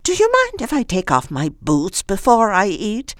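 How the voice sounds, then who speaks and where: A reader voicing an eccentric, cheerful, bossy very old woman in a high, fussing storybook voice. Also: huge pitch swings, moderate pace, no echo, studio quality. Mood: chirpy.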